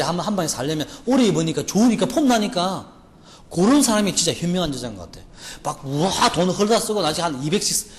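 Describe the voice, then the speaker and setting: A male teacher with a Gyeongsang accent giving a jokey classroom lecture, firing rhetorical questions at students. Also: fairly high pitch. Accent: Gyeongsang Korean. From Gyeongsang region, Korea. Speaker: English vocabulary lecturer. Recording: lecture hall reverb, faint noise.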